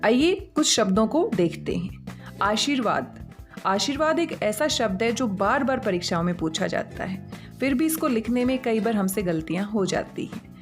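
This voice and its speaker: Patient Hindi teacher woman, higher voice. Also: expressive, moderate pace, faint music behind. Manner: patient, explains step by step, spells out sounds. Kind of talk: spelling lesson.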